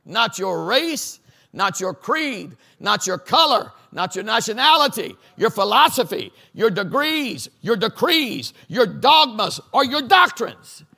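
Speaking a little slowly but very animated, this middle-aged pastor has a high voice with vocal fry and a sharp edge. At a Bible study on a church stage, he builds his lists to a crescendo and prompts the audience to answer back.

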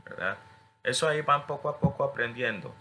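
Bright-toned teacher. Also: male voice, mid-range voice, lively intonation, fairly quick, a little hiss or hum. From Costa Rica. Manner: switches between English and Spanish, models words for repetition. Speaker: English teacher. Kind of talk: screen-recorded tutorial.

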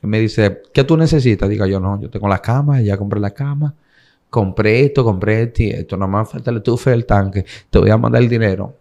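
As a guest in an interview, this young man from the Dominican Republic's Cibao region recounts his story with energy, imitating the voices of others in quotes. His voice is on the low side and gravelly, and he speaks fairly quickly.

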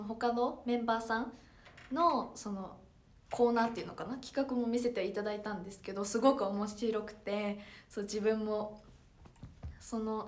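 A woman's voice: mid-range voice, darkish tone. A sixteen-year-old girl with a Toyama accent, chatting politely on a livestream and reading out viewer comments with many fillers. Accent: Toyama dialect. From Toyama, Japan. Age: teens (16). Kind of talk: casual livestream chat.

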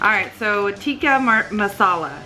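A woman in her thirties chats casually as a taste-test vlogger. Her pitch sits in the middle, and music plays behind her. The sound is that of a camera held close in a living room. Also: animated, normal speed, bright, forceful tone. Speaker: vlog host doing a taste test. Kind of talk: casual chat. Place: living room couch, indoors. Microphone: camera at arm's length.

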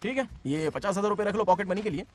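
A male dub actor playing a scheming, comic estate manager in a dubbed film, delivered fast and animated. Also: high voice, soft background music.

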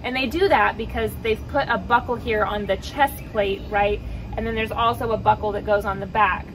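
A woman's voice: fairly even intonation, normal speed, noisy background. A woman in her thirties chatting casually on an outdoor deck as she reviews dog harnesses, talking upbeat and plain toward a camera at mid distance. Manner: chatty and upbeat, calls her dogs with high boop sounds. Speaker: dog trainer and vlogger. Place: outdoors, on a wooden deck by woods.

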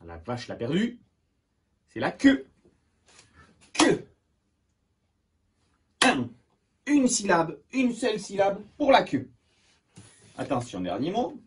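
A man teaching young children in a video lesson, slow and encouraging, clapping out syllables, recorded indoors. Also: high-pitched. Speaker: schoolteacher. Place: indoors at home. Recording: distant mic with steady background noise.

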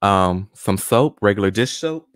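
This forties-aged guest scientist is animated yet unhurried as he leads viewers, step by step and in a friendly manner, through a hands-on experiment at home. His voice sits on the low side. Recorded in a small home room on a studio condenser mic with pop filter and headphones, the sound is dry and clean like a studio.

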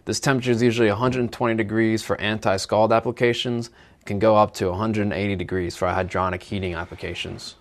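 A young man in his twenties presents a plumbing product in an explainer video, recorded cleanly in a studio. His slightly low voice is steady in tone, and he talks fast with a plain, instructional delivery.

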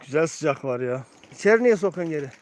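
A man's voice: a little high, animated, quick pace. A man hosting a casual live pigeon-auction stream, commentating and addressing viewers as friends. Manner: addresses viewers as friends, repeats key phrases.

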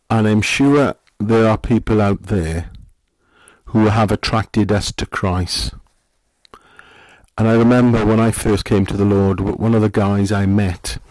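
A middle-aged man, a pastor, giving a gentle, conversational sermon full of questions to the listener. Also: on the low side, dry recording.

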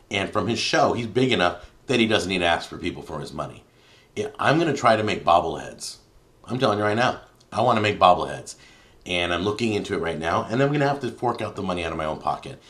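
A deep-voiced man hosting a live stream from a home studio. He talks in a loose, opinionated way, pushing hard on some words and then dropping to a mutter as he scrolls through viewer comments. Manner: opinionated, emphatic, swings between loud and muttering. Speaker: YouTube cooking show host.

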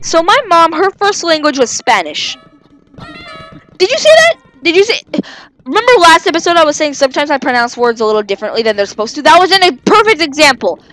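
A woman giving casual, rambling gameplay commentary as a let's player, with sudden excited exclamations. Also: high-pitched, a little fast, soft background music, poor audio. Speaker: video game let's player.

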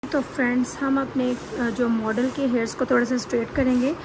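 Her voice is a little high and a little fast, with fairly even intonation. This Pakistani-accented salon instructor walks through an informal hairstyling tutorial, repeatedly checking in with "okay," while the indoor salon recording is very noisy and full of loud background sound.

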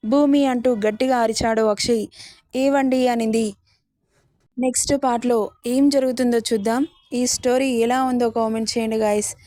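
A woman storyteller reading a dramatic audio story in a steady way. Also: on the high side, moderate pace, no echo, clean studio sound.

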